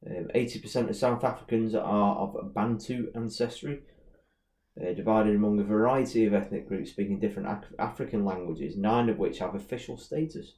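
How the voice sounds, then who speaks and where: Male co-host, lowish voice, relaxed, filler-heavy, echoey room sound. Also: normal speed. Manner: laid-back, reads facts aloud with fillers. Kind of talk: casual podcast chat. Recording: roomy echo.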